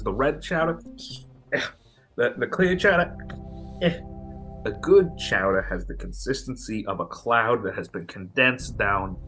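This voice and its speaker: A man's voice: mid-range voice, pushed and bright. A man playing a brash, foul-mouthed Boston woman. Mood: indignant. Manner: profane, blustering, stammering. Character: brash foul-mouthed young woman from Worcester posing as European.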